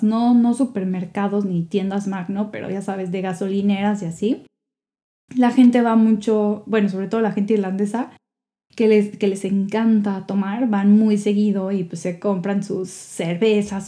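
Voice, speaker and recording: A young woman tells a funny everyday story in a casual vlog, acting out the quoted voices with lively jumps in pitch. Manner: animated, acts out quotes with rising pitch.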